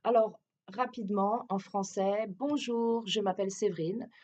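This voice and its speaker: A woman's voice: medium pitch, fairly even intonation, unhurried, warm tone, highs cut off, slight background noise. A French woman who teaches French gives a hesitant, explanatory self-introduction with a French accent, often restarting her sentences. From France.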